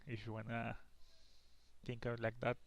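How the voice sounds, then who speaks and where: In a creaky, monotone mid-range voice at a moderate pace, a young man rambles through relaxed let's play commentary. He sounds worn out and yawns, restarting often and cursing now and then.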